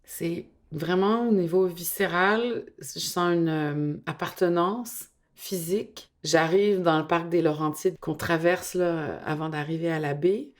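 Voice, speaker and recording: A woman's voice: lowish voice, measured pace. Woman in her fifties, Montreal accent. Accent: Montreal Quebec French. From Quebec. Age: 50s. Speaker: interviewee. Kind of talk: reflective documentary interview.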